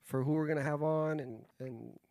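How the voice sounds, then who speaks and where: Higher-pitched young male podcast co-host, frat-bro style. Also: fairly even intonation, moderate pace, creaky, warm tone, no echo, studio quality. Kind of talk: casual chat.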